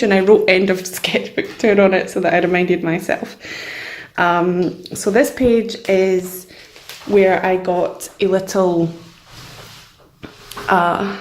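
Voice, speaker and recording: A young woman chatting casually and a little hesitantly as she hosts a vlog, informal and self-deprecating, recorded in a bare, echoey room. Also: medium pitch. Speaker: channel host showing a sketchbook. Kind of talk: casual chat, vlog voice-over. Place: nearly empty room indoors with only a desk.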